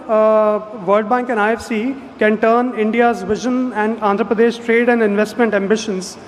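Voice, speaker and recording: A man representing a development bank gives a formal, businesslike speech at an investment summit, measured and often pausing to hesitate. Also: high voice. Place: large conference hall. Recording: reverberant hall with faint background noise.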